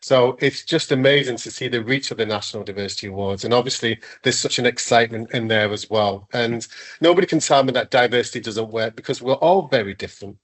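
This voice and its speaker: A man's voice: medium pitch, quick pace, fairly bright tone. A man hosting a video-call webinar as founder of an awards, chatting enthusiastically with many restarts and fillers. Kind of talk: casual webinar chat.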